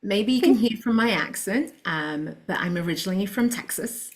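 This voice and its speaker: A woman from London, England, with a London English accent, appears as a podcast guest in a casual interview chat. She speaks in an earnest, motivational way with a few laughs, her mid-range voice animated at a normal speed.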